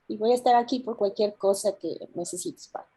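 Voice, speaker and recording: A woman's voice: on the high side, animated, brisk, warm tone, breathy edge. A woman hosting an online event, introducing the speaker in a friendly way and mixing in short English phrases. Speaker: event host.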